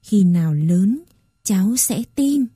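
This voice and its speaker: A woman voicing a stern, wise old grandmother with a soft, weary manner. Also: mid-range voice, expressive, slow, husky, dry recording, clean studio sound.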